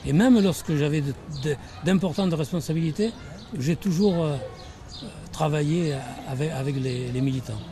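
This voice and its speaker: An older man, a mayor, answering interview questions outdoors, halting with many restarts. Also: a little high, noisy background. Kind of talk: documentary interview while canvassing. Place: outdoors in a housing estate.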